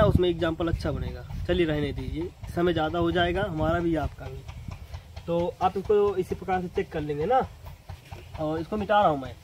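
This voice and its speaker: A man's voice: fairly high pitch, background noise. Man teaching math at a board. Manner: talks straight to students, repeats points with "na" tags. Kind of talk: casual classroom teaching at a board.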